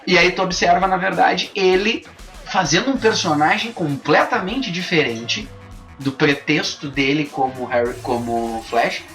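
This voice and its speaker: A man's voice: a little high, unhurried, a bit bright, faint music behind. A man, hosting a casual film review chat and thinking aloud with frequent restarts. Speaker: podcast host.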